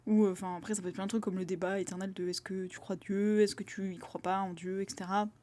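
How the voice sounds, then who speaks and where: A young woman talking at a rapid clip in a loose, rambling monologue. She leans on fillers and slips into little acted-out quotes of other people as she goes. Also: medium pitch, level tone, warm tone. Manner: rambling, filler-heavy, acts out quoted voices. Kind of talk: casual spoken monologue.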